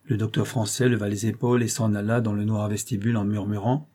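A man narrates an audiobook at a steady, even pace. His voice is low and mellow, with a husky grain. The reading stays calm throughout. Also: fast talker. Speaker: audiobook reader.

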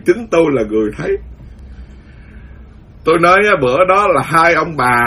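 A Buddhist monk giving a lively storytelling sermon, acting out the voices of the people in his story. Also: medium pitch, a little hiss or hum. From Vietnam. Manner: animated, acts out quoted voices, laughs at his own story. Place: lives in the US, speaking to followers.

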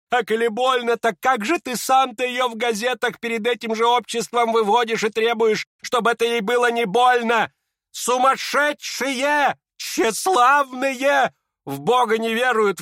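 A man's voice: sits high, fairly bright tone, no echo, clean studio sound, pitched above the performer's own voice. A man reading an audiobook and voicing a hot-tempered older woman who scolds shrilly and indignantly.

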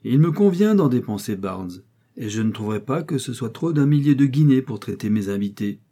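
A testy old gentleman of wealth barks orders and loses patience quickly, as a man reads him aloud. The voice stays dark and mellow, in the manner of a storybook reading. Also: medium pitch, expressive. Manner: commanding and impatient. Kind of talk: audiobook character reading.

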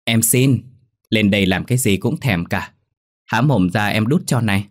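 A man's voice: lowish voice, normal speed, natural voice. A man voicing a playful, teasing young girl who is secretly a ghost. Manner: playful, coy.

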